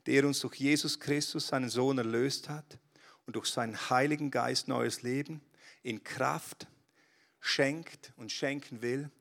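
A man preaching a sermon, asking his listeners direct questions and building to loud, impassioned exhortation. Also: mid-range voice. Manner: speaks straight to the listener with questions. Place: church hall.

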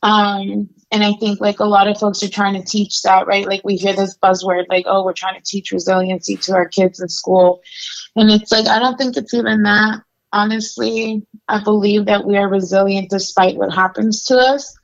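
Here a young Mexican woman recounts her life story as a guest in a relaxed, candid interview, her speech full of fillers. Her mid-range voice stays level at a normal pace. The recording sounds muffled.

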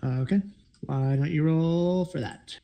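A man running a tabletop game as game master, relaxed and rambling, with many fillers. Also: fairly high pitch, measured pace, noisy background.

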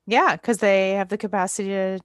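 A woman's voice: mid-range voice, brisk, dry recording. Woman, co-host, encouraging, storyteller, dry sound. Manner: warmly encouraging, animated storyteller. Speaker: podcast co-host. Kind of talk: casual chat.

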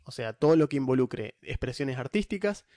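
A man's voice: medium pitch, animated, fairly quick, dark tone, no room sound. A young man with a Rioplatense Spanish accent explains game lore in casual podcast chat. He talks animatedly, restarting his sentences often. The sound is dry and close, with no room around it. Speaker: podcast host discussing tabletop lore.

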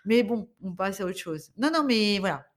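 Femme d'âge mûr, bavarde et hésitante. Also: female voice, mid-range voice, expressive, moderate pace. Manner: rambling, hesitant, full of fillers. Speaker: guest, the host's mother. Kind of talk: casual podcast chat about books.

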